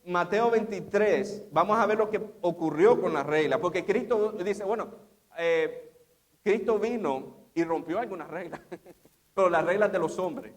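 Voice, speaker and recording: High-voiced animated male preacher. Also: measured pace. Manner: animated, asks the congregation questions, laughs often. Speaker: pastor. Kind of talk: sermon.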